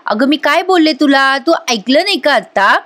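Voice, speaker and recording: A woman's voice: sits high, animated, normal speed, fairly bright tone, voice pushed up. A woman doing a taunting, jealous young rival. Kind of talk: dramatized dialogue in a serial recap.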